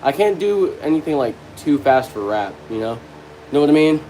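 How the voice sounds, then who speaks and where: Young male streamer, high and bouncy, mellow tone; casual, rambling chat to viewers. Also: big pitch swings, moderate pace, slight background noise. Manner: loose, rambling, talks to viewers; lapses into rap and singing. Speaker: live streamer.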